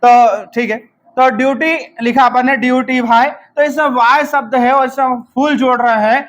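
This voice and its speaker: High-voiced man teaching with a cold. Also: steady tone, moderate pace, a bit bright. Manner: drilling by asking and answering his own questions, spelling letter by letter. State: has a cold. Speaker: English teacher for exam prep. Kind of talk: exam-prep lesson.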